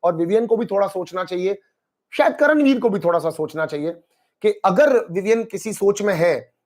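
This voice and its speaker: A man's voice: high voice, moderate pace. A man hosting a casual live stream, reading viewer comments and talking over a reality show while mixing in English phrases. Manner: animated, mixes Hindi with English phrases, addresses chat by name.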